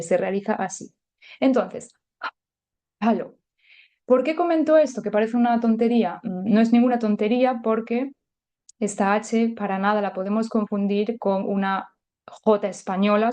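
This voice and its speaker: Woman, language teacher, chatty and explanatory, mellow warm tone. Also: mid-range voice. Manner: chatty and explanatory, many filler words. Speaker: German teacher. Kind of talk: podcast language lesson.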